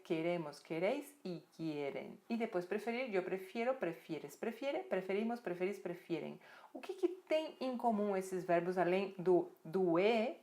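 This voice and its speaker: A woman teaches Spanish grammar with a lively voice at an ordinary pitch. She reads verb forms out one by one and keeps checking in with her learners. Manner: lively, repeats verb forms slowly, many tag questions.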